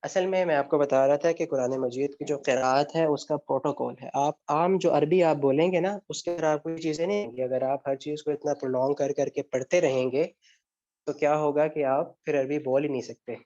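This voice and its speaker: Warm and steady in tone, on the high side, a man teaches Arabic grammar in an online lecture where students ask questions. He explains step by step, habitually posing questions and then answering them himself, recorded in dull lo-fi sound.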